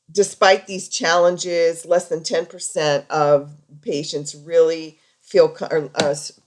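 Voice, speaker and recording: A woman lecturing over slides in an informal, conversational and explanatory way, as a healthcare practitioner teaching. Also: deep voice.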